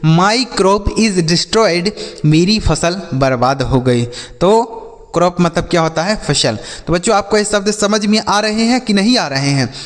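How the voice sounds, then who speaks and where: A man teaching English vocabulary to children, spelling each word slowly and repeating it, asking and answering his own questions. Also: sits high, lively intonation. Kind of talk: spoken vocabulary lesson for children. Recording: long hall reverb.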